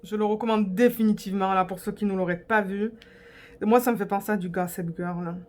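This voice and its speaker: A woman's voice: mid-range voice, fairly even intonation, a little fast, a little mellow. A young woman vlogging in a casual, rambling way, chatting to her viewers with lots of fillers and restarts. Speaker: diamond painting vlogger. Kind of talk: casual chat to camera.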